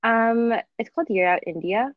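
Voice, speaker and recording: A woman, a podcast guest with a husky just-woken-up voice, laughing and self-mocking. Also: on the high side, moderate pace, dry recording, narrow, tinny audio. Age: 20s. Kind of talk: casual chat.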